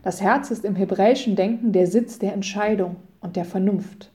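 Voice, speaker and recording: Middle-aged woman preacher, deep mellow warmth, calm measured sermon delivery. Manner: calm, measured reading with solemn scripture quotes. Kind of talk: scripted radio devotion.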